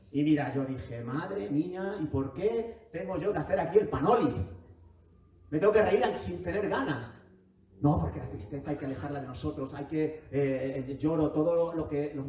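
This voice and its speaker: A male pastor preaches with fervor, firing rhetorical questions and stumbling over repeated words. His voice sits a bit high for a man. He is heard from some distance in a roomy, echoing church. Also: warm tone, slight background noise. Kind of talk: sermon. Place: church hall. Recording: echoey church from far off.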